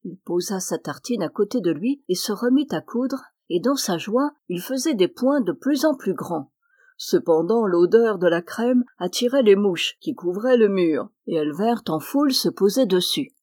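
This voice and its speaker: A woman's voice: mid-range voice, expressive, moderate pace, a little mellow, dry recording, clean studio sound. Woman reading a fairy tale aloud. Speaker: storyteller.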